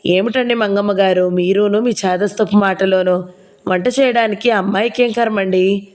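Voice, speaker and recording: A woman's voice: mid-range voice, steady tone, moderate pace, a little mellow, natural voice. A woman voicing a firm, reproachful aunt. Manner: reproachful, defending. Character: firm, protective middle-aged aunt. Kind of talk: audiobook character reading.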